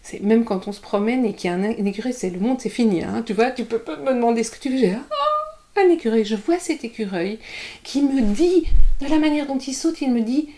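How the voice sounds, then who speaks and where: Lady, middle-aged, lively podcast guest who mocks herself. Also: a little high, fairly quick. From Belgium. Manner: animated storyteller, vivid and self-mocking. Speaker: guest author. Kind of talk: candid podcast conversation.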